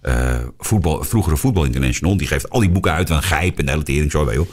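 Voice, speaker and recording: A man's voice: rumbling low, quick pace. A middle-aged man with a Dutch accent, hosting a podcast in a crude, boisterous, casual chat style. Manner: boisterous, crude, animated storytelling. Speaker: podcast host.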